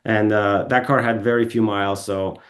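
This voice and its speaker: A lowish, fairly evenly intoned voice at normal speed belongs to a Bulgarian man guesting on a podcast. He wanders through car anecdotes in a casual studio interview, often correcting himself and restarting with plenty of ums.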